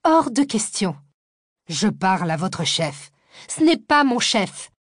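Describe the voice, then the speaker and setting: A woman reading an audiobook voices a haughty young female doctoral student with a high, piercing voice and sharp, sarcastic retorts. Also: animated, unhurried, dry recording, clean studio sound. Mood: indignant.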